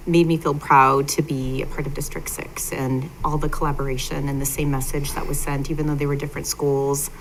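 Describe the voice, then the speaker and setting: A woman school board member speaking with feeling at a meeting, halting with many fillers. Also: low-pitched, a little hiss or hum, rough recording. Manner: warm-hearted, emotional, halting with fillers.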